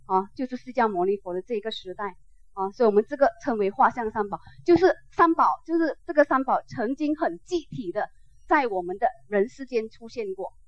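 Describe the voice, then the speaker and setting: A woman's voice: fairly high pitch, expressive, a little fast, no room sound. A woman teaching a class on Buddhism. She talks conversationally, with many filler sounds, and keeps checking whether her listeners understand. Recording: dull, dry lo-fi recording.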